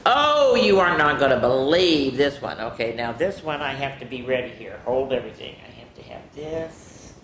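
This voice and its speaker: Hosting children's story time, a woman reads picture books at normal speed with big pitch swings and hardly any pauses. She goes sing-song on the rhymes, draws out rhymed words, and adds chatty, exclamatory asides. The room is echoey, with a rumble in the background.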